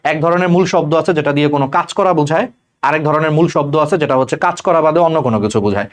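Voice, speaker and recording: A young man from Bangladesh, teaching an exam-prep grammar lesson in a chatty way and often checking that students follow. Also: fairly high pitch. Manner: fast, chatty, addresses students as "bhai", many checks like "thik ache?". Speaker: tutor. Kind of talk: online exam-prep lecture.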